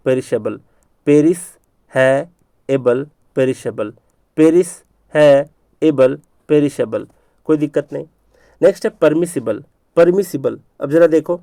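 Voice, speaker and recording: A man teaching an exam-prep spelling lesson in a fairly high voice. He stretches words out slowly, repeats them again and again, and keeps checking that his students are following. The recording is close and dry, with no room sound. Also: darkish tone, dry recording.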